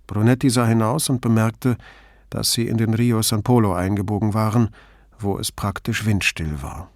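A man narrating an audiobook in a calm, even storytelling manner. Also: fairly low pitch, normal speed, no echo, studio quality. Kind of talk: scripted narration.

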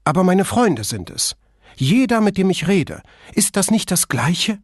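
A man's voice: high voice, sing-song, measured pace, slightly rough, no room sound, studio quality, voice pushed up, full character voice. A man voicing a frightened, dramatic female stage star who speaks in agitated, theatrical outbursts. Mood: anxious.

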